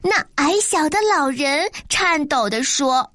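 A woman narrating a children's storybook with a clear, expressive reading. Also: high-pitched, takes it slowly, no echo, studio quality.

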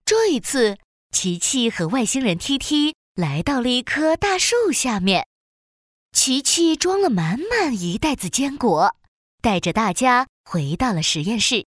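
A woman narrates a children's story in a fairly high, husky voice with very lively intonation. The delivery is scripted and animated, recorded close and dry. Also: a little slow, dry recording.

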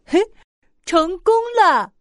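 A high, childlike bear cub, voiced by a woman in a storybook, impatient and whiny with longing to grow up. The delivery is slow and drawn out, in a dry, close sound. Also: very animated, no room sound, heavily acted. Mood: excited.

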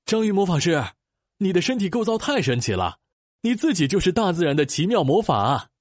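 Woman as a husky, swooping, earnest dolphin doctor. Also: fairly low pitch, big pitch swings, fairly quick, a little mellow, no echo, studio quality. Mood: amazed. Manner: earnest, polite, exclamatory. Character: curious, polite dolphin doctor, earnest scientist. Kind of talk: children's audio story acting.

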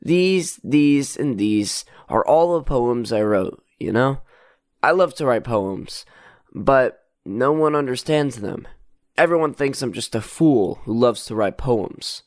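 A woman voicing a shy young boy who loves poetry, speaking softly and wistfully in a storybook reading. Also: a bass voice, animated, takes it slowly, no echo, studio quality, pitched below the performer's own voice, exaggerated voice. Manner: soft, wistful. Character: gentle young boy who writes poems, dreamy and shy.

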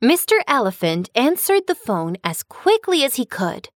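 A woman narrating a children's cartoon story, her slightly high voice rising and falling in a lively storytelling lilt. The studio sound is dry and close. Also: moderate pace, dry recording.

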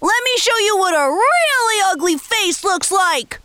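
A woman's voice: extremely high pitch, sing-song, unhurried, full character voice. A woman voicing a small, clever male chick in a cartoon, eager and cheeky. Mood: confident.

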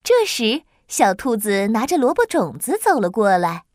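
A woman narrating a children's story in an expressive, lilting way. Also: fairly high pitch, moderate pace, dry recording, clean studio sound.

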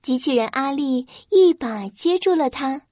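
High-pitched woman narrating a children's story. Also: animated, a little slow, warm tone, dry recording, clean studio sound.

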